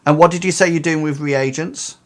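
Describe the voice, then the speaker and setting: A man's voice: fairly high pitch, a little fast. A man narrating as game master, explaining rules and the action to his players.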